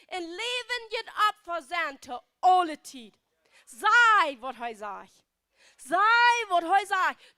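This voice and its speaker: A woman's voice: very high-pitched, pushed and bright. A woman preaching a sermon with emphasis, her speech mixing Dutch, German and English words.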